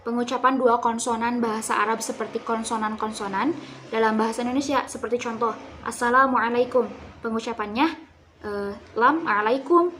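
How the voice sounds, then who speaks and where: Young woman student presenter, fairly high voice, halting explanatory delivery, faint noise behind. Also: a bit bright. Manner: explanatory, with fillers and self-corrections. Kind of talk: class presentation.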